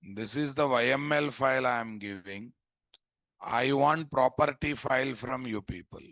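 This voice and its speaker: A man's voice: mid-range voice, moderate pace, fairly bright tone, no room sound, highs cut off. A man with a Telugu Indian English accent teaching an informal live coding class, repeating his instructions and quizzing students with questions. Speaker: programming instructor.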